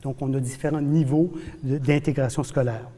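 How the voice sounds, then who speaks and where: A man from New Brunswick, Canada, giving an animated, emphatic university lecture as a professor in a lecture hall. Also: medium pitch, moderate pace. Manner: animated, emphatic explaining, repeats for stress. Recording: long hall reverb.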